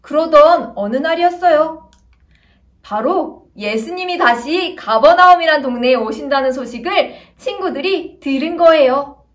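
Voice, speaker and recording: A woman evangelist telling a Bible story to small children in an animated, sing-song storytelling manner. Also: high voice, measured pace.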